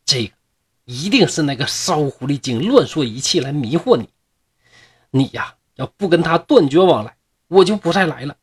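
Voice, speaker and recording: A sulky young ghost girl who accuses her rival, in a raised, husky voice, as a storyteller puts her on. She sounds wounded and jealous, and her pitch moves a lot. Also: lively intonation, normal speed. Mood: accusing.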